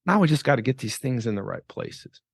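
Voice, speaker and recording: A man's voice: medium pitch, sing-song, brisk, vocal fry, breathy edge, no echo. A man in his sixties from Michigan, a coach and author telling a story as a guest on an interview podcast, with an emphatic, dramatic delivery that repeats phrases. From Michigan, USA. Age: 60s.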